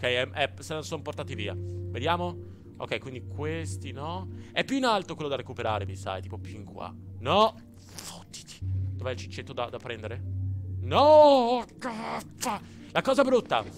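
Young male let's-play host from Italy, fairly high, animated, explosive reactions. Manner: excitable, swears, exclaims often. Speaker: gaming YouTuber.

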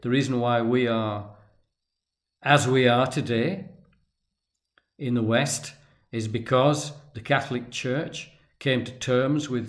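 A man lecturing at length off the cuff, speaking deliberately and pausing often, with restarts as he stresses key words. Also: medium pitch. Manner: deliberate, halting, with restarts and emphatic pauses. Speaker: tarot and religion commentator. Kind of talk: unscripted lecture.

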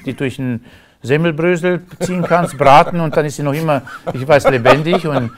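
A man's voice: fairly high pitch, fairly quick, slight background noise. A middle-aged man from Romania with a Romanian accent, a guest in a casual interview, talking in long emphatic runs and laughing between remarks.

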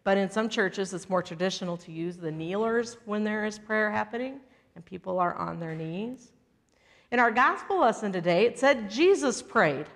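A woman leading a children's message in a church sanctuary, gently asking the children questions. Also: mid-range voice, lively intonation, normal speed. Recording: long church reverb.

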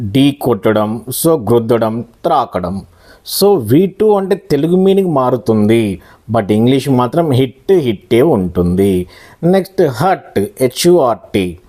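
A man with a Telugu accent teaching a spoken English lesson, explaining verb forms slowly and drilling words by repetition. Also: medium pitch, dark tone. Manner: slow, deliberate, drills words by repeating them.

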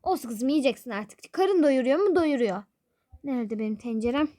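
A woman's voice: high voice, lively intonation, moderate pace, warm tone. A woman voicing a fussy, nagging mother in a toy-game role-play, grumbling with sighs. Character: fussy scolding mother of a family.

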